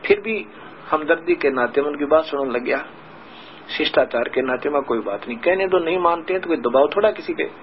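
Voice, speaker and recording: A man's voice: a little high, animated, brisk. A man telling his own story in a devotional talk, acting out conversations as he goes and humbly calling himself "this servant". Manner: storytelling with quoted dialogue, humble self-reference. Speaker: devotee telling a personal testimony. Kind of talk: spoken testimony in a devotional talk. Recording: dull lo-fi recording with faint hiss.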